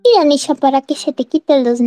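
Giggly high-voiced woman streamer chatting. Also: lively intonation, brisk, mellow, no room sound, faint music behind. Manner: giggly and rambling, laughs often between phrases. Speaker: streamer hosting a live audio chat. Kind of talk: casual chat to listeners.

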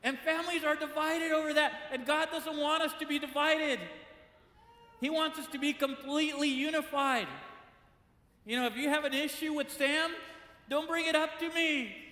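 A man's voice: extremely high pitch, fairly even intonation, normal speed, pushed and bright. A man preaching a conversational sermon in a church, acting out the complaints he quotes. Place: church sanctuary. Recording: echoey church hall with long reverb.

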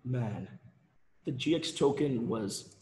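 Guy on a webinar call, voice kinda going, lots of restarts and repeats, roomy echo, middle pitch. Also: expressive, slow, a little mellow, a little hiss or hum. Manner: rambling, with frequent restarts and repeated words. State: losing his voice. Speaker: webinar presenter. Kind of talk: casual live webinar talk. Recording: roomy echoey sound.

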